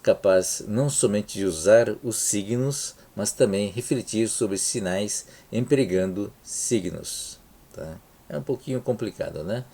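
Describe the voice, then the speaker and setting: A man's voice: on the low side, dark tone. A man teaching a university lecture with a Brazilian Portuguese accent, speaking unhurriedly and checking in often with "tá?" and "né?" while restarting words. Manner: unhurried, frequent "tá?" and "né?" check-ins, many restarts. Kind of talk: recorded lecture over slides.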